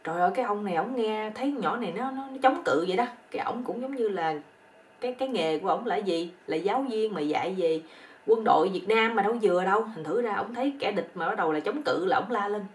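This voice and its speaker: Give me a Southern Vietnamese woman telling a comic story fast and chatty, a little distant from the mic. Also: medium pitch, lively intonation. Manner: rapid, chatty, colloquial.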